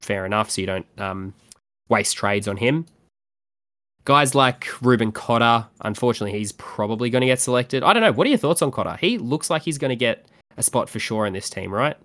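A man's voice: mid-range voice, expressive, a little fast, a bit bright. A man co-hosting a podcast in casual sports fantasy chat. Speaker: podcast co-host.

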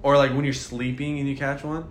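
A man's voice: mid-range voice, level tone, brisk. A young man co-hosting a casual chat, loose and profane in his slang. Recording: echoey room with faint noise.

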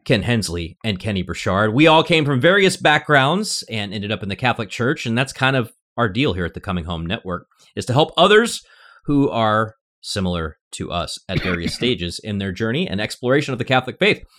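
A man's voice: fairly low pitch, very animated, brisk, a bit bright. A man hosting a podcast, chatting casually in a jokey, self-deprecating way. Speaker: podcast host. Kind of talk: casual conversation.

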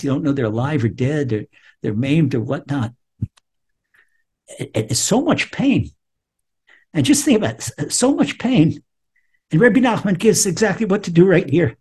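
Husky-voiced rabbi teaching Torah. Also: male voice, on the high side, sing-song, a little slow, long pauses, darkish tone. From Israel. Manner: quotes Hebrew text then translates, emphatic. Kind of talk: Torah lesson.

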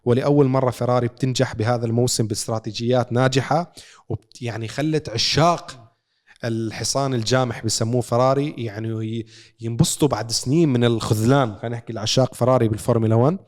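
A man's voice: medium pitch, fairly even intonation, fast talker, a little mellow. A man with a Levantine Arabic accent, co-hosting a podcast with a casual sports recap, told like a story with rhetorical questions. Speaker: podcast co-host.

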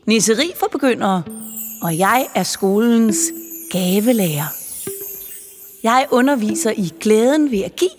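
Woman voicing a brisk matronly elf lady. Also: medium pitch, lively intonation, natural voice. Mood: brisk cheerful. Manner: brisk, formal, brightly bossy. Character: stout matronly little female Christmas elf teacher. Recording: reverberant with faint music.

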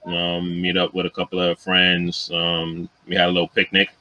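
A man co-hosting a podcast, telling a story in a relaxed way, full of "you know" and "um". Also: low-pitched, moderate pace, no room sound, dull audio. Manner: laughs often and loudly. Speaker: podcast co-host. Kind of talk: casual chat.

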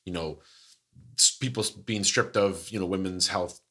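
Husky guy cohosting a podcast, bright voice, jokey and swears a lot. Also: low-pitched, normal speed. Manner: animated, joking, swears freely. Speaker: podcast co-host. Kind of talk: casual podcast chat.

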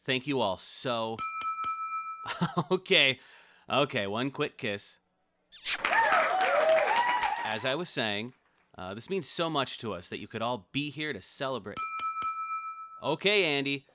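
A man's voice: mid-range voice, expressive, takes it slowly, pauses often, over loud music, over a noisy crowd. A man playing an exasperated groom who stumbles through a thank-you speech and curses. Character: flustered groom giving a speech.

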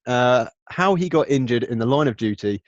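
A man's voice: medium pitch, expressive, normal speed, no room sound, lo-fi sound. A man co-hosting a podcast with casual banter. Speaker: podcast co-host.

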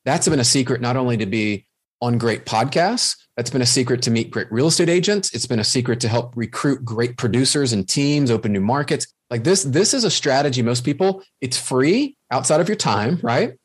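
A man's voice: mid-range voice, animated, a little fast, husky. A man guesting on a podcast, confidently coaching listeners in casual chat and acting out quotes.

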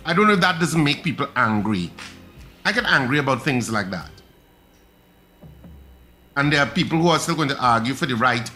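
A man hosts a morning radio show with a bright, forceful voice. He is emphatic, jumping up in pitch on repeated words. Faint music plays underneath. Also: expressive, a little fast, pauses often. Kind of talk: call-in radio talk.

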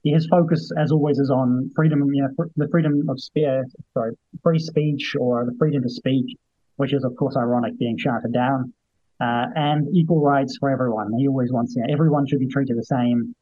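A man giving conversational political commentary as a guest, in a hesitant way that often repeats phrases, with a husky voice. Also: medium pitch, fairly even intonation, brisk, no room sound. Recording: dull, lo-fi remote audio.

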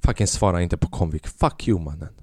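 A man's voice: low voice, slightly rough, dry recording. Profane young man ranting, dry sound. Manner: profane, animated storytelling. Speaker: podcast host. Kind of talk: comedic ranting monologue.

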